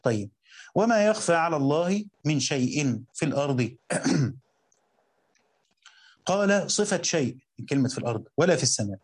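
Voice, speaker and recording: A man with an Egyptian Arabic accent teaching a Quran commentary lesson, reading quotes slowly and then explaining them in colloquial talk while questioning his students. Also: fairly high pitch, big pitch swings, slightly rough.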